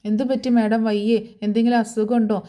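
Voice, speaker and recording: A gentle, patient young woman, voiced by a woman narrator asks softly and kindly what is wrong. The voice is mellow and sits fairly high. It is read aloud inside a spoken recap of a TV serial. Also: flat delivery, a little fast, lightly acted. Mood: worried.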